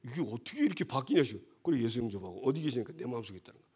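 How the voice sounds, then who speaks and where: A man's voice: medium pitch, sing-song, rapid-fire, warm tone, slightly rough. A male pastor gives a conversational sermon and often checks that the congregation agrees.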